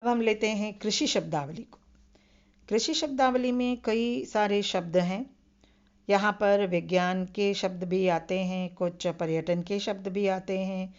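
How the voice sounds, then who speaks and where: Female lecturer, middle pitch, patient and repetitive teaching delivery, slightly muffled recording. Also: steady tone, unhurried, darkish tone, smooth. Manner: patient, repeats key terms with reminders to remember. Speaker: Hindi lecturer.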